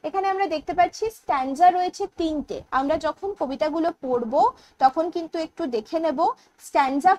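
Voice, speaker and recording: A woman with a Bengali accent teaching an English poetry lesson online, explaining in Bengali mixed with English terms and reading the poem's lines slowly. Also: sits high, darkish tone, a little hiss or hum, rough recording. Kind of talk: online exam-prep lecture.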